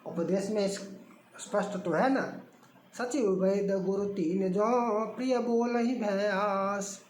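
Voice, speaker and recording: Man, high voice, slow deliberate delivery, emphatic scripture talk, roomy sound with faint hiss. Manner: emphatic, repetitive, rhetorical questions. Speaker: religious commentator. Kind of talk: spoken discourse on scripture.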